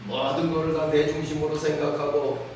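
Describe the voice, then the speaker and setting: A man's voice: fairly high pitch, level tone, a little fast, darkish tone, slight background noise. A man preaching a sermon as pastor, earnest and often prompting listeners with rhetorical questions. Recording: very echoey room, mic at a distance.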